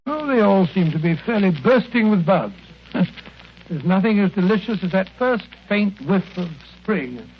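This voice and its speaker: An actor playing a genial, blustering old English doctor with a hesitant, avuncular manner, in 1940s radio drama style. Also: male voice, sits high, animated, moderate pace. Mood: jovial. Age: older. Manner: chuckling, hesitant, repeats words, avuncular. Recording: noisy, dull vintage radio recording.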